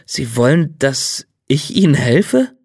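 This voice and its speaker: A man's voice: medium pitch, big pitch swings, slow, darkish tone, slightly rough, no room sound, studio quality, full character voice. A man voicing a guarded, hesitant young man in an audiobook reading.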